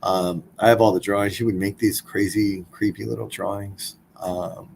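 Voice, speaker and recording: A man's voice: fairly low pitch, steady tone, moderate pace, creaky, darkish tone, slight background noise, poor audio. A man in his forties, a podcast guest, telling a personal story in a blunt, casual way, swearing freely.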